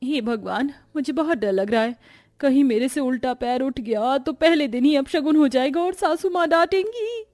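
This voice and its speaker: Casting: woman as a timid, fretful young bride, higher voice. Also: lively intonation, measured pace, hardly any pauses, mellow. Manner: timid, fretting.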